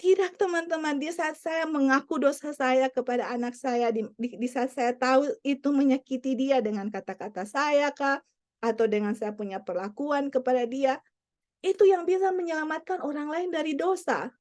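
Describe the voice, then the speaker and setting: A woman's voice: high-pitched, normal speed, a little mellow. A woman preaching a sermon, earnest and repetitive, mixing English phrases into her teaching. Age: adult parent. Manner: earnest, repeats key points.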